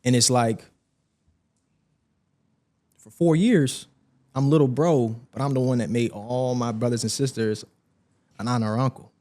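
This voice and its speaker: A man's voice: mid-range voice, a little slow, long pauses. A young man, a podcast guest, telling a personal story in casual conversation and acting out the voices of people in it. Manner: animated, acts out quoted voices.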